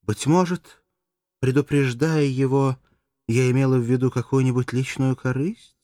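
Мужчина озвучивает молодую коварную куртизанку, театрально, с мольбой и надрывом, в аудиокниге. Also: male voice, fairly even intonation, normal speed, dark tone, no echo, studio quality, natural voice. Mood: wheedling. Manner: shrill, pleading, theatrical. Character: scheming young female courtesan, passionate, manipulative. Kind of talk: audiobook character voice.

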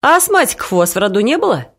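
A brash, doting older mother who talks with a Caucasian accent, put on by a woman reading aloud. Her voice swings high and bright as she coaxes and scolds. This is a lively storybook telling. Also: rapid-fire, husky, heavily acted. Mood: indignant. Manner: loud, bossy, high-pitched coaxing.

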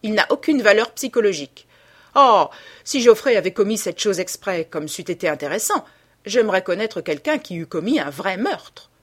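A woman's voice: medium pitch, animated, normal speed, close to an everyday voice. A woman reading a cynical witty lord. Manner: languid, ironic epigrams.

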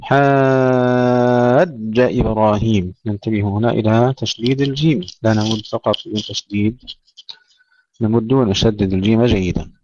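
A man's voice: fairly low pitch, a little mellow, dry recording. A man teaching Quran recitation rules, reading short verse phrases and repeating single words to show correct and wrong pronunciation. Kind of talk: tajweed lesson, reciting verses and explaining pronunciation. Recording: dull, lo-fi dry recording.

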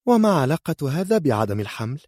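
A man's voice: on the high side, fast talker, warm tone, breathy edge, dry recording, studio quality, pitched above the performer's own voice. A man voicing a worried young woman who speaks in an anxious, pleading way.

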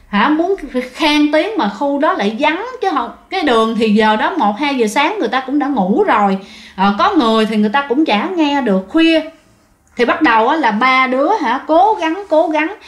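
A woman's voice: on the high side, echoey room. A woman narrating ghost stories in a casual, chatty way, often turning to talk to her listeners directly. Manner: chatty, addresses listeners directly, many fillers. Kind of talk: casual spoken storytelling.

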